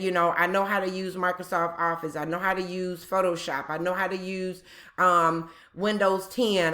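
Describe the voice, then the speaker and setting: A woman's voice: fairly low pitch, fairly bright tone. Chatty woman explaining job requirements. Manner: chatty, repeats points for emphasis, frequent ums. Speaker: job-tips video host. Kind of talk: casual explainer talk to viewers.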